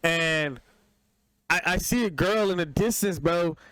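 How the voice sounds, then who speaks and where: Young male podcast co-host, high voice, dry close sound, slangy and animated storyteller. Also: unhurried, smooth, no room sound. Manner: animated, slangy, voice jumps up when excited. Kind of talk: casual storytelling.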